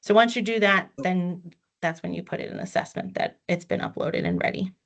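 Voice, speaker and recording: Brisk and creaky, with a lowish voice, this woman trainer leads staff methodically through a records system during an online training session. She explains each step patiently over a video call, and the sound is dull lo-fi.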